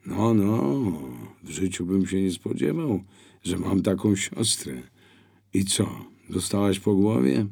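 Wry blind brother, teasing and slow, as a gravelly narrator reads him. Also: male voice, sits low, lively intonation, mellow, pitched above the performer's own voice, full character voice.

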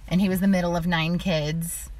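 A woman's voice: fairly low pitch, level tone, moderate pace, darkish tone. A middle-aged woman from Illinois, chatting as an interview guest, full of "like" fillers and laughing through her stories. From Illinois, USA. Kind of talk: casual conversational interview.

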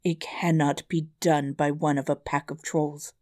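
A determined young prince from an old storybook, declaiming his plans in a firm, measured voice, as a woman reads him. The tone sits low and unhurried. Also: flat delivery, darkish tone, dry recording, clean studio sound. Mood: earnest.

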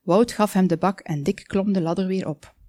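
A woman calmly reading a children's story aloud, with small slips now and then. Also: mid-range voice, normal speed, dry recording, studio quality. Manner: calm, with small slips and asides.

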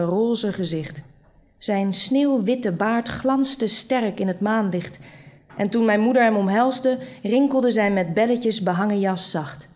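A woman reading a literary short story aloud in a measured, dry storytelling manner. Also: mid-range voice, a little mellow. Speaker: reader.

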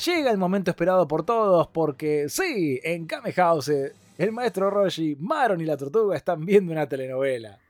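A man with a Rioplatense accent co-hosting a casual podcast chat, lively and laughing often while acting out quotes. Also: fairly high pitch, moderate pace, no room sound, soft background music. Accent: Rioplatense Spanish. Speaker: podcast co-host.

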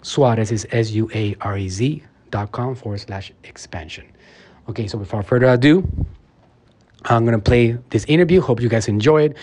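Here a man who heads a marketing agency answers interview questions and offers motivational podcast talk. His mid-range voice is a little mellow and moves at a normal speed, while his manner stays earnest, emphatic and peppered with fillers.

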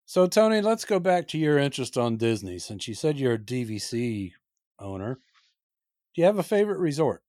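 A man's voice: medium pitch, very animated, moderate pace, darkish tone, no echo, clean studio sound. A man hosting a podcast, affirming his guest in a friendly way. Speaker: podcast host. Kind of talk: casual interview chat.

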